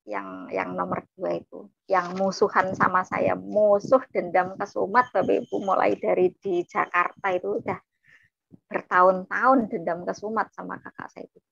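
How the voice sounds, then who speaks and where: Gravelly-voiced woman giving testimony. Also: medium pitch, a bit bright, no room sound, dull audio. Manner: addresses listeners often, repeats phrases. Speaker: testimony speaker. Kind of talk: personal testimony to a congregation.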